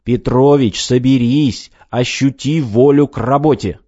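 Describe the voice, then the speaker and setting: A man reading an audiobook, voicing a pushy, scheming male construction director who coaxes and urges loudly. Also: mid-range voice, lively intonation, normal speed, no echo, muffled recording, voice pushed up, close to an everyday voice. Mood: urgent coaxing. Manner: coaxing, urgent, exclamatory.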